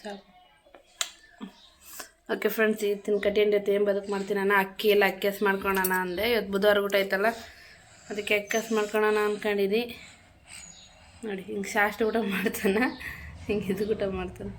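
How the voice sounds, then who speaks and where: A woman's voice: medium pitch, level tone, quick pace, a little hiss or hum. A woman chatting casually to her viewers at home in a vlog, repetitive and friendly. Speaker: vlogger. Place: home kitchen.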